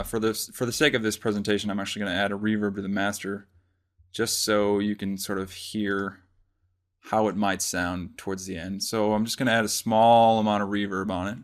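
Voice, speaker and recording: In a lowish voice, a man walks through a software tutorial step by step, keeping the explanation relaxed and informal.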